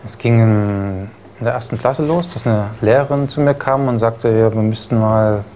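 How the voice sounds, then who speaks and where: At medium pitch and normal speed, a young East German guest answers questions in a studio interview. He stutters now and then and keeps restarting and using fillers, and the broadcast audio sounds dull with faint background noise.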